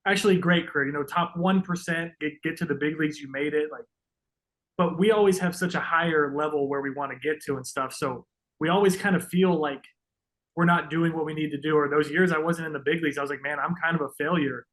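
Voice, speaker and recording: A man's voice: a little high, steady tone, quick pace, a bit bright, poor audio. A man who is a podcast guest, emotional and sincere as he tells reflective stories in casual chat.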